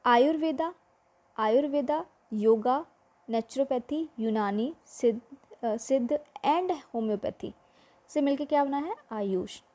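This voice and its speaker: A woman's voice: fairly high pitch, warm tone. A young woman teaching a memory-trick lesson for exams, quizzing the listener with repeated questions.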